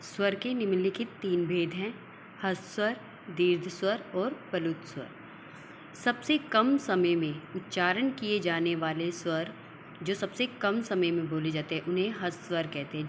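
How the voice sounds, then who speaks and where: A woman's voice: on the low side, a little hiss or hum. A woman teacher giving a school grammar lesson, drawing out example sounds and explaining each point with repetition. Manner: slow, drawn-out example sounds, explains and repeats.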